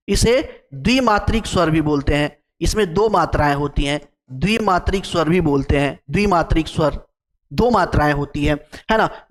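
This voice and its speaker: High-voiced teacher drilling vowels. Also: male voice, a bit bright, in a large hall. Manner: repeats key terms and quizzes the class with questions; draws out vowel sounds to demonstrate length. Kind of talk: exam-prep lecture.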